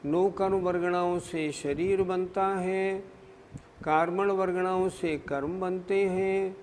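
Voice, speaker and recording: In a high but darkish voice with a steady tone, a man versed in religion expounds scripture at a measured, deliberate pace. He frequently poses a question only to answer it. A faint hum sits beneath the long hall reverb around him.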